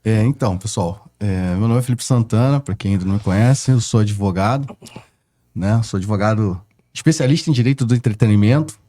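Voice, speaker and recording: A man's voice: lowish voice, brisk, dark tone. A middle-aged man from Rio de Janeiro with a Carioca accent, a guest lawyer chatting casually on a podcast, telling stories with slang and frequent laughs. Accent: Carioca Brazilian Portuguese. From Rio de Janeiro, Brazil. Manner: chatty storyteller, laughs often, colloquial slang.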